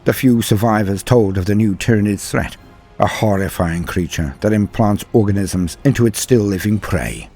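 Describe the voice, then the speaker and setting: With faint music playing behind him, a British man hosts a YouTube channel on tabletop wargame lore, delivering dramatic narration and opinionated commentary. His manner is theatrical and his phrasing florid and old-fashioned. His voice sits fairly low, with a darkish tone and a moderate pace.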